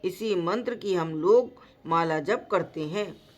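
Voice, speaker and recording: Woman reading as a patient male ascetic teacher. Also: lowish voice. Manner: slow, measured reading voice.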